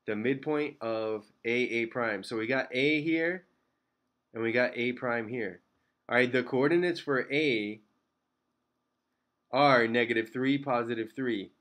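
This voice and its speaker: A male math teacher explains each step of a problem at an even middle pitch. He talks plainly and checks in often with the class. Now and then he slips in a self-mocking aside. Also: unhurried, long pauses. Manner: steady step-by-step explaining, frequent "okay?" and "all right?" checks; light self-deprecating asides. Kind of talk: recorded math lesson.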